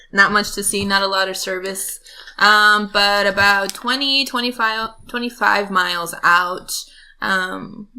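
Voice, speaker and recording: A woman's voice: mid-range voice, fairly even intonation, measured pace, sharp tone, smooth. A woman guest on a podcast, casually telling a rambling story with lots of ums. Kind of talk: casual chat.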